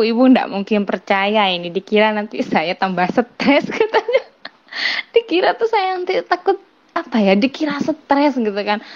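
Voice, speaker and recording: Indonesian woman telling a spooky true story, lively, mimics sounds, kinda muffled audio. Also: medium pitch. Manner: animated, voices quoted people and mimics sounds. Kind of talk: casual spoken ghost story. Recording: dull lo-fi sound.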